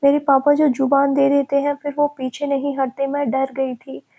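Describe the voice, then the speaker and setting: A woman's voice: sits high, completely flat delivery, normal speed, dark tone. A woman voicing a frightened young woman who pleads anxiously through tears. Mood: timid.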